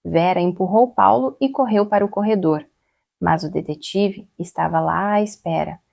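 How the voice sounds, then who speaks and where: A woman narrating a dramatic family story in the first person, in a steady, measured way. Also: on the low side, vocal fry, no room sound.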